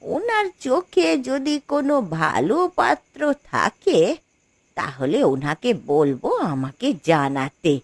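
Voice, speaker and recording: A woman's voice: on the low side, sing-song, slow, no echo, full character voice. A woman voicing a fretful old village grandmother in a cartoon, scolding and grumbling. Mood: weary grumbling. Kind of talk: cartoon voice acting.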